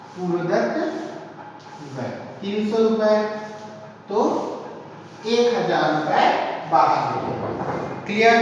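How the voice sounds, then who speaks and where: A man with a high voice teaches a commerce class. The sound rings around a hard classroom and comes from well back from the mic. He keeps asking his students questions and then answers them himself. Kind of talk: classroom lecture. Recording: echoey room from far off, dull and a little noisy.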